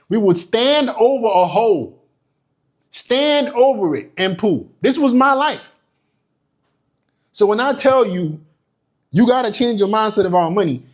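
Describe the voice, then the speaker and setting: A young Nigerian business coach with a high-pitched voice delivers a motivational talk. He's emphatic and swears freely, driving his points home through repetition.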